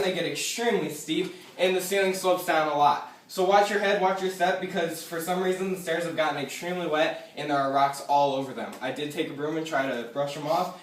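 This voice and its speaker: A man with a fairly high voice leads an informal cave tour. His patter is dry and joking. The cave wraps his words in strong echo and a long reverberant tail, picked up some way from the mic. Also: a bit bright, distant mic, slight background noise. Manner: joking, dryly humorous patter. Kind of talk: informal guided tour talk. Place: inside an underground limestone cave.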